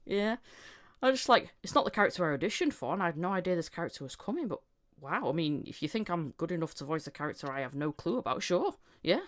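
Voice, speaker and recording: Talking fast and very animatedly in a lowish voice, a woman interviews a voice actor on her podcast. The chat is casual, and she tends to relay events through fragments of reported speech.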